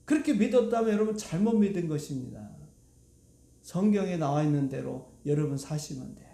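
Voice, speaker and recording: A man's voice: on the high side, expressive, a little fast, mellow, echoey room. A male pastor preaching a sermon to his congregation, asking it rhetorical questions. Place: church sanctuary.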